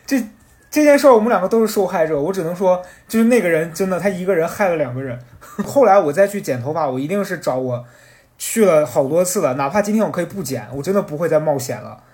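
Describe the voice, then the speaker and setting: A man telling a rambling, animated story in casual podcast chat. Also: high voice, fast talker.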